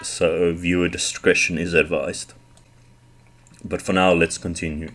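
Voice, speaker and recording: A man with a deep voice speaks unhurriedly while sick with the flu. As host of a retro game channel, he casually comments on an old computer game in a relaxed way, using frequent ums and likes.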